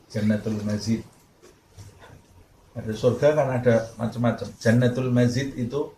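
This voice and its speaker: A man delivers a tafsir sermon on the Quran, telling a story peppered with Arabic quotations and rhetorical questions. His voice is medium-pitched and a little mellow, recorded in an echoey room with faint background noise.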